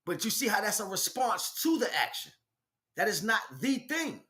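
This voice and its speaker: This man, a spiritual teacher and speaker, has a high, pushed, bright voice with big swings in pitch and a moderate pace. He delivers an impassioned, informal spiritual lecture in blunt, emphatic street vernacular, often posing rhetorical questions.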